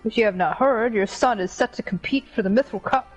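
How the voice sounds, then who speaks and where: A woman voicing a pompous, earnest gentleman detective from a game, formal and melodramatic. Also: on the high side, a little fast, highs cut off, soft background music, lightly acted.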